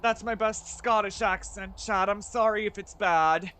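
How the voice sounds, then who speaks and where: A man's voice: sits high, steady tone, a little slow, pushed and bright, clean tone. A man streaming a game, chatting loosely with his viewers and swearing casually as he sets up battles. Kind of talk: casual gameplay commentary.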